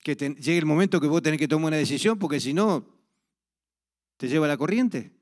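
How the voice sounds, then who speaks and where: A middle-aged preacher, speaking in a slightly higher register than most men. He weaves a personal anecdote into his sermon, acting out the conversations and often restarting his sentences. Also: brisk. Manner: storytelling, acts out dialogue, frequent restarts.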